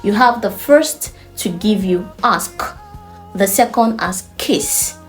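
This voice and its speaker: A woman's voice: medium pitch, takes it slowly, soft background music. A woman with a Nigerian accent giving an online language lesson, emphatic and playful as she explains. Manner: animated, emphatic, playful teaching. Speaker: Chinese language tutor.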